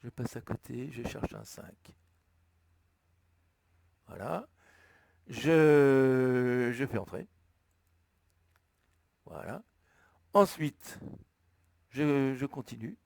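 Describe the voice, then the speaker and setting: A man with a French accent slowly explaining, step by step, how to enter a flight plan, thinking aloud as he goes. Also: medium pitch, vocal fry, darkish tone. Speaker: flight sim tutorial maker. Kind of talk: screen-recorded tutorial narration.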